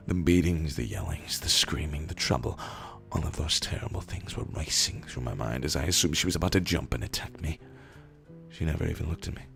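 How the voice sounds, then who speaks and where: Hoarse from days of screaming, this man has a raspy, rumbly voice with gravelly fry, though its tone is fairly bright. He narrates internet posts as short stories, reading slowly, lowly and dramatically with drawn-out words and pauses.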